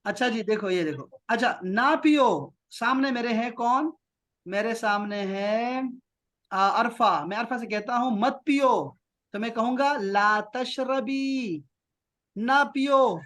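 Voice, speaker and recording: A man from Pakistan teaching Arabic to children in an online lesson, patiently repeating short phrases slowly and praising often. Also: extremely high pitch, fairly bright tone. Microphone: video call.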